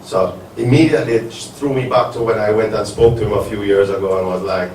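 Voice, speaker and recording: A man's voice: lowish voice, steady tone, brisk, a little mellow. Earnest man speaking in an echoey hall. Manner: rambling, restarts often, earnest. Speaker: business speaker at a symposium. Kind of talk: live panel talk answering audience questions. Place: resort event hall. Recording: echoey event hall from far off, faint noise.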